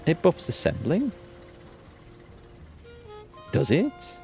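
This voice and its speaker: Speaking extremely slowly in a creaky, fairly high voice, a gaming host swings hugely in pitch. He's doing casual let's play commentary, explaining and thinking aloud, with music in the background.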